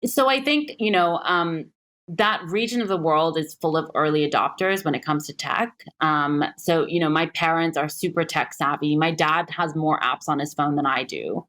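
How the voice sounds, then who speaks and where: A woman in her thirties from Singapore speaks as a podcast guest, her voice sitting notably low for a woman. She tells her story in a reflective way, stopping often to gather her thoughts. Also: a bit bright. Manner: reflective, many "um" pauses. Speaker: investor guest. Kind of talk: podcast interview.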